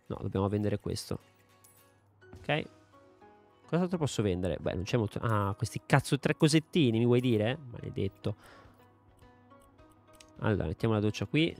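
Joking, foul-mouthed young gamer man. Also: on the low side. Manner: casual, joking, swears often and talks to himself. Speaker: gaming video creator. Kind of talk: let's play commentary.

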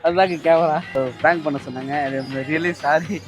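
A man's voice: fairly high pitch, steady tone, normal speed, highs cut off, over music. A young man doing a street prank, pushily pleading and calling after a woman outdoors. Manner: pushy, wheedling, keeps calling out to her.

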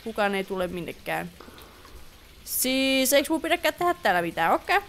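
A woman's voice: on the high side, very animated, a bit bright, a little hiss or hum. A woman giving casual let's play commentary on a horror game, chatty and easily startled. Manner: chatty, easily startled, mixes English exclamations. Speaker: gaming YouTuber.

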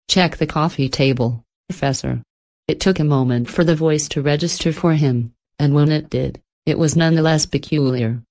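A woman narrating a horror story script in a steady, measured storytelling manner. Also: sits low.

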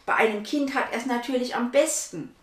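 A woman's voice: on the high side, normal speed, reverberant, recorded from a distance, pitched above the performer's own voice, close to an everyday voice. A woman reading a children's story, voicing a stranger man who coaxes children. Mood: coaxing. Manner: coaxing, then threatening. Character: kind-seeming stranger man, turns menacing.

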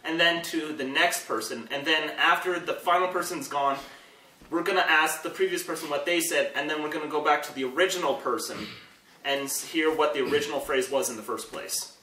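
High, bright-voiced young man hosting. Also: fairly quick, a little hiss or hum. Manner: loud and laughing, talking over music in headphones. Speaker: host. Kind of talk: casual party-game chat. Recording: roomy, distant camera audio.

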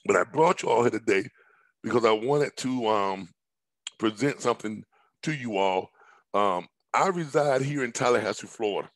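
A middle-aged man, hoarse and still recovering from illness, pitches a business idea on a video call using a headset. His voice is somewhat low, at normal speed, and he rambles with repeated words and ums. He's indoors at home in a large room with a staircase, and the audio is close, dry, rough and echo-free.

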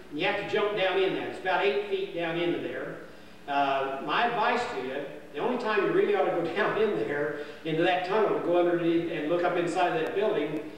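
An older man tells a folksy camp history in a rambling, homespun voice, pitched fairly high for a man and full of fillers and restarts. He is heard from a distance across a dining hall, wrapped in long, roomy reverb with a faint hum under it. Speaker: camp storyteller. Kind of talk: folksy spoken history tale. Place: indoor dining hall by a stone fireplace. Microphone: far camera.

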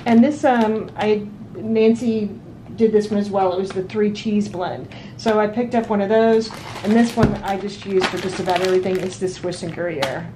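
A woman talks her way through a grocery haul at her dining table in a relaxed, chatty way, often pausing on ums and correcting herself. Her voice sits at an ordinary pitch. A faint hum of room noise runs underneath. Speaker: vlogger. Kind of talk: casual grocery haul chat.

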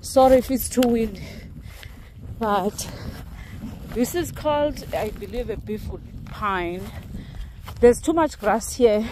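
Middle-aged South African woman, rambling outdoor walk-and-talk vlog, phone mic, wind noise clearly audible. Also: fairly high pitch, animated, slow, long pauses, a little mellow, rough recording. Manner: chatty, rambling asides, laughs easily. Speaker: vlogger. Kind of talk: casual walking vlog. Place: outdoors on dry rural farmland, windy. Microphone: handheld phone at arm's length.

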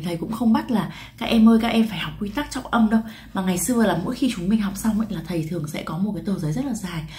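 With a warm tone at medium pitch, a Vietnamese woman explains English pronunciation to camera at a fast clip. She keeps up a chat with her audience, raising questions and answering them, and draws out each example word.

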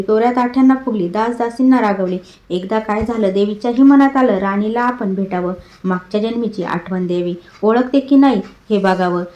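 A woman narrating a devotional folk tale with a steady, rhythmic storytelling cadence. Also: mid-range voice. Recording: roomy echo.

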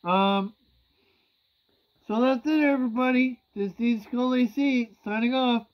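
A man's voice: extremely high pitch, unhurried. A young man speaking through a gas mask, giving a casual gear test as a vlogger in a small room. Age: young adult. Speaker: vlogger testing military gear. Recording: muffled, slightly dull home recording.

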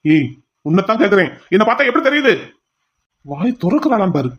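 A man's voice: high-pitched, quick pace, muffled recording. A man voicing a cruel male kidnapper in a cartoon drama, taunting and threatening his captive with mocking questions.

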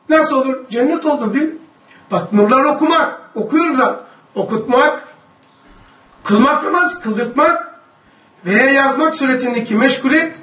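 A man with a strikingly high voice teaches a religious study lesson to a group of students. He reads aloud from a book and comments with emphatic force, at times raising his voice to a shout. He is recorded from a distance in a room with a strong echo. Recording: echoey room, mic far off.

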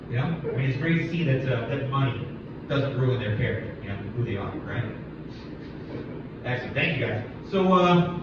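A man's voice: medium pitch, dull audio. Man, stand-up comic, casual swearing, acted-out dialogue, echoey club, noisy distant recording. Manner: laid-back, swearing, acts out dialogue. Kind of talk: open mic stand-up. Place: small comedy club stage. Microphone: handheld mic, filmed from far back in the audience.

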